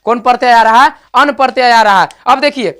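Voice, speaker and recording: A man's voice: extremely high pitch, fairly quick, fairly bright tone, clear, resonant tone. Man drilling a grammar lesson. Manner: direct, repeats words aloud to drill pronunciation. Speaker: teacher.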